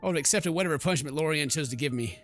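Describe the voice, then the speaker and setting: Speaking at a racing pace in a slightly high voice, a man runs a let's play with game music behind him. He reads the narration with theatrical flair and drops in slangy jokes.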